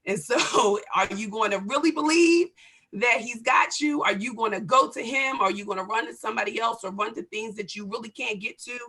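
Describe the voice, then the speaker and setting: A woman's voice: fairly high pitch, fairly quick, bright, forceful tone, breathy edge. A woman in her forties earnestly sharing her personal faith struggles in a church group video chat. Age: 40s. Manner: earnest, heartfelt. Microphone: video call.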